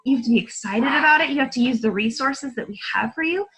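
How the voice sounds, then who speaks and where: A woman coaching new coaches on a call, chatty and encouraging, talking quickly with lots of fillers. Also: high-pitched, expressive, a bit bright, husky, low-quality recording. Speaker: fitness coach. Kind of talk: coaching call, casual talk.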